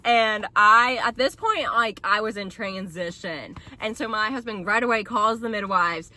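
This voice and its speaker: A young woman tells her story in a loose, chatty way, stringing thoughts together with "like" and light laughter. Her voice is bright and forward. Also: medium pitch, unhurried. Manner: chatty, fills speech with "like", laughs often. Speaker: vlogger sharing her birth story. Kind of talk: casual storytelling to camera.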